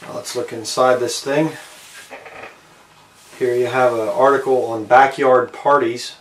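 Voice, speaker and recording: The narrator is a man with a steady, medium-pitched voice casually showing a collectible to camera in his own video. His words come unhurried and halting, trailing off between phrases, and the roomy, distant recording carries faint noise.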